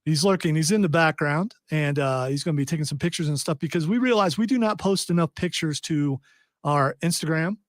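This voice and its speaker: A podcast host runs a live pop-culture talk show, chatting and joking with loose, rambling asides into a studio mic. His voice is a little high and fairly quick, with no room sound.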